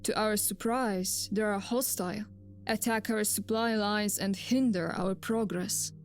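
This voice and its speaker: A woman narrating the opening of a game in a slow, grave, scripted delivery. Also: mid-range voice, steady tone, faint music behind, close to an everyday voice.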